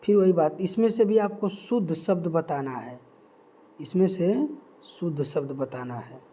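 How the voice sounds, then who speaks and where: A young man tutoring for an exam, reading out answer options slowly and repeating key words for emphasis. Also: fairly high pitch, mellow. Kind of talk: quiz-style teaching.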